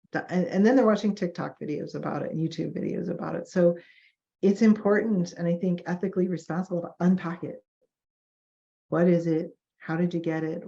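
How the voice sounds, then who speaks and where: A woman with a low, gravelly voice gives a lecture on professional ethics. Her tone is mellow and conversational, and she acts out clients and doctors in quoted asides. The recording sounds dull and lo-fi. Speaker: therapist teaching a professional ethics session.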